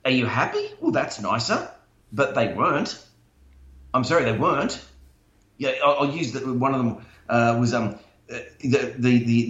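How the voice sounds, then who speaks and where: A man's voice: medium pitch, fairly bright tone. Echoey, dull-sounding Kiwi man chatting. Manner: informal, matey, blunt slang. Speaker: podcast co-host. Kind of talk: casual podcast chat.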